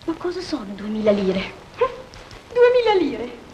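Brief: a jealous, high-voiced young fiancée, shrill and tearful, from a 1940s film. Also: female voice, huge pitch swings, normal speed, warm tone, lo-fi sound, slight background noise. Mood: aggrieved.

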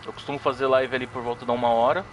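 Racing along at medium pitch, this young man from Brazil has a Brazilian Portuguese accent, and a little hiss or hum sits under his voice. He's streaming a horror game, chatting casually with viewers, thanking followers, and yelping suddenly with excitement.

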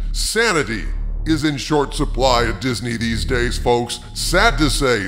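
A man with a medium-pitched, sharp voice hosts an opinion show, delivering scripted commentary and reading from articles over background music. His style is theatrical, emphatic and rhetorical.

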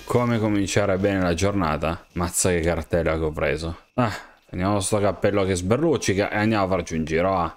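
Excitable man talking to game characters. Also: sits low, fairly quick, few pauses, faint music behind. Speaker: gamer. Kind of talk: game commentary, role-playing as himself.

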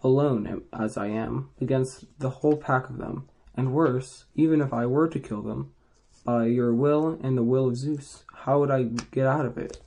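A man's voice: mid-range voice, moderate pace, creaky, dark tone. A man voicing a brooding ancient hero. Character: weary, brooding male hero of old.

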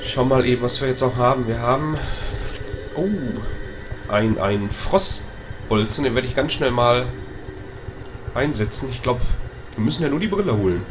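Let's play host, male, jumpy and loud, swears and stammers, noisy background. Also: medium pitch, moderate pace, pauses often. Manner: excitable, shouting, swearing, stammers when tense.

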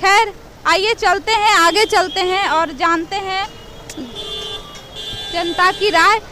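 A woman's voice: extremely high pitch, fairly even intonation, slow, sharp tone, a little hiss or hum. A woman street reporter, chatting with passersby and coaxing them with questions on a busy street. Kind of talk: street vox pop reporting. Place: busy street crossing outdoors.

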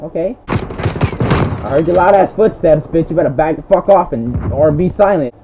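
A young man commentating his own online shooter match, with profane, hot-tempered trash talk and bursts of yelling. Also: a little high, lively intonation, normal speed. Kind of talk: live gameplay commentary. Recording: gameplay audio noise under the voice. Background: game sounds, gunfire and vehicles.

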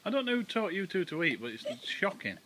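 Teasing dad on a noisy camcorder. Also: male voice, sits high, big pitch swings, fast, pushed and bright. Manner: teasing, mock-scolding, chuckling. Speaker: parent filming his children. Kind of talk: home video banter. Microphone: handheld camera. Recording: noisy home camera recording.

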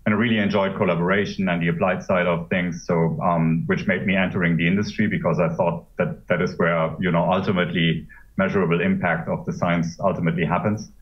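A German pharma executive in his forties joins a video-call interview from a high-ceilinged room at home, speaking in a measured, thoughtful way with many pauses. His voice is low and level. His laptop webcam mic makes the sound muffled and distant.

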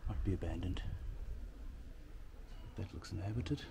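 A man giving casual walking commentary outdoors on old streets, musing slowly with soft exclamations. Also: low-pitched, gravelly. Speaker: vlogger walking tour guide. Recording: outdoor street noise behind.

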